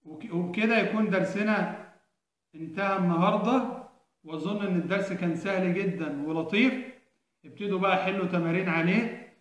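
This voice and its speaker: A man's voice: high voice, fairly quick. A man with an Egyptian accent teaching a primary school math lesson, asking questions and answering them himself, repeating each step. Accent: Egyptian Arabic. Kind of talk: recorded classroom lesson. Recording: echoey room.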